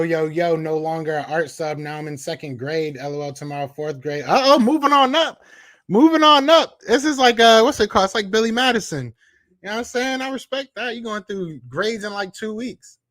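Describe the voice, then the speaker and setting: A man with a Philadelphia accent hosting a live sports podcast, reading out chat comments and trash-talking in a casual, animated way. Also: a little high, no room sound. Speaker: podcast host.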